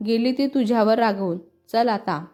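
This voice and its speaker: An impatient young brother who loves to tease, calling his sister mocking names and yelling for her to hurry up, as a woman reading a storybook puts him on. The voice sits a little high and sounds mellow. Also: moderate pace, close to an everyday voice. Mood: teasing, impatient. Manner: shouting, mocking nicknames.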